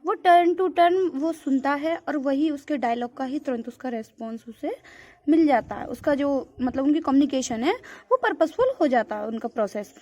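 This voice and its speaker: A school teacher with a high, slightly mellow voice speaks animatedly at normal speed, giving a classroom lecture in Hindi while explaining from a textbook. She mixes in English terms, calls her students "beta," and keeps repeating "theek hai."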